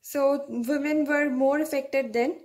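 A young woman with a high, slightly mellow voice gives a medical lecture. She speaks slowly with fairly even intonation, explaining step by step and often pausing to check in with a "right?".

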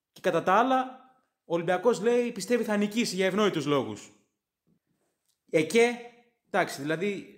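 A man, a native English speaker, hosting a podcast and reading fan comments out loud, sarcastic and opinionated. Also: high-pitched. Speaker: podcast host.

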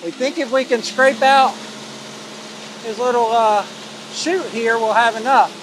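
With the phone at arm's length, a middle-aged homestead vlogger casually narrates a concrete pour while walking and talking outdoors at a rural building site. His voice is very high-pitched and unhurried, and the background is noisy.

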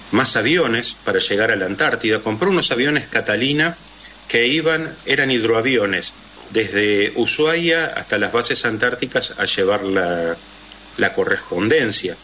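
Low, forceful Rioplatense man telling history. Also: slight background noise. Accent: Rioplatense Spanish. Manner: storytelling, with frequent "eh" and "este" fillers. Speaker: interview guest. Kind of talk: radio interview.

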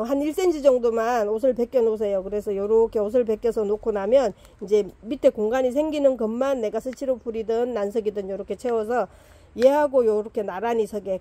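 A woman's voice: fairly high pitch, warm tone. A middle-aged woman who runs a plant farm, casually teaching plant care in a chatty way, repeating her points and talking to the plants.

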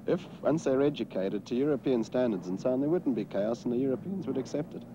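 A man's voice: mid-range voice, animated, fast talker, warm tone. Man on muffled old newsreel audio. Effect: old newsreel film sound. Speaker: interviewee. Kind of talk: newsreel street interview. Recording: dull 1970s newsreel audio outdoors with traffic.

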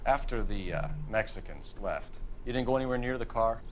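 An actor playing a calm, methodical male police detective who questions witnesses persistently. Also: lowish voice, brisk, slight background noise, lightly acted. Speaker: detective in a crime game. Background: game music.

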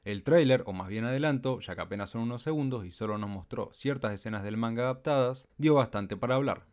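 A man delivers scripted anime news commentary at a brisk clip. His pitch sits in the middle of the male range, and the delivery stays even and explanatory throughout.

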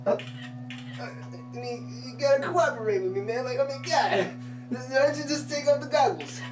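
A woman's voice: high voice, animated, moderate pace. A woman playing a cranky, ditzy portrait photographer who whines and keeps exclaiming in exasperation, in a comedy sketch. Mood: exasperated. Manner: whiny, keeps exclaiming "oh my God". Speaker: sketch actor. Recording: roomy, distant mic, music behind.

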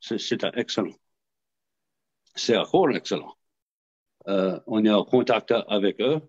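A man's voice: on the low side, lively intonation, a little slow, a little mellow, slightly rough, lo-fi sound. A man from southwest Nova Scotia with an Acadian French accent, telling stories in a casual interview, often hesitating and repeating words. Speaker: interviewee, association representative.

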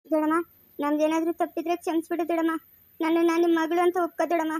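Brief: a woman playing a begging young daughter, high and insistent. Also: level tone, quick pace, darkish tone, dry recording, clean studio sound. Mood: pleading. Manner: pleading, insistent. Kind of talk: amateur family drama acting.

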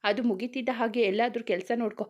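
A woman's voice: a little high, steady tone, quick pace, a little mellow, close to an everyday voice. Woman reading a harsh stepmother's lines. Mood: scornful. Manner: harsh scolding. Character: sharp-tongued middle-aged stepmother.

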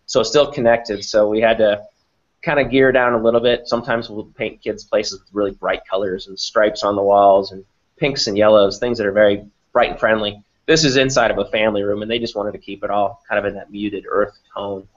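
Through dull, lo-fi audio from a computer mic, a middle-aged company president talks on a video call from a small indoor office as an interview guest. He explains things fairly quickly in a lowish voice with fairly even intonation.

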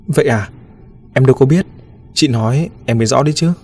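A man's voice: medium pitch, fairly quick, dark tone, husky. A man voicing a timid, yearning village woman. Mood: flustered.

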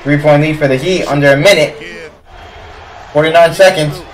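A young man casually reacting to basketball highlights, talking to the players on screen in slangy chat and yelling at big plays. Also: fairly even intonation, normal speed, distant mic, slight background noise, rough recording. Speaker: sports reaction YouTuber. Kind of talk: live reaction commentary.

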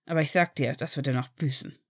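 A spiteful dark wizard muttering low threats of revenge, as a woman puts him on. The audiobook telling keeps him gruff and sour. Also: fast, no echo, clean studio sound. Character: spiteful adult male dark wizard, vengeful. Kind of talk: audiobook character reading.

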